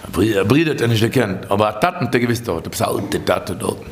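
A man's voice: expressive, fast, slight background noise. Sing-song male religious teacher. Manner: sing-song, swinging sharply up and down in pitch. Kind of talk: Torah lesson with storytelling.

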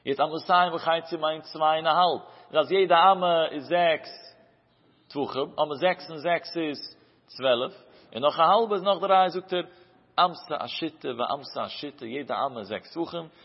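A man leads a Talmud study lesson, his speech moving in a chanting singsong cadence that rises and falls. His voice is husky and sits a little high for a man. The recording is muffled and dull, with a long reverb trailing behind him as if he is in a large hall. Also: a little slow. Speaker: Talmud teacher.

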